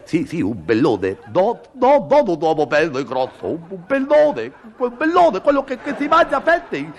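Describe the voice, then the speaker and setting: A man's voice: high voice, wildly swooping pitch, normal speed, a little hiss or hum. A man performing a stammering comic monologue, with sneezing fits and mock-noble airs. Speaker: comedian.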